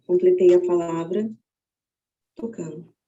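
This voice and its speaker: A Brazilian woman teaching, walking slowly and methodically through a braille word activity and thinking aloud as she searches. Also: fairly low pitch, steady tone, warm tone, muffled recording. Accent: Brazilian Portuguese. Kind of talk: step-by-step spoken demonstration.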